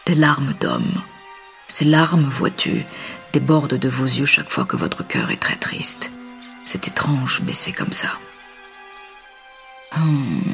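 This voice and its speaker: A man voicing a wise, protective panther who counsels softly, often half-whispered. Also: on the high side.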